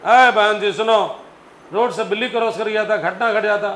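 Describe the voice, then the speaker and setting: A man's voice: sits high, moderate pace, a bit bright, reverberant, a little hiss or hum, pitched above the performer's own voice. A man voicing an angry old bus passenger who curses and scolds, in a classroom story. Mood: angry scolding. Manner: scolding, cursing.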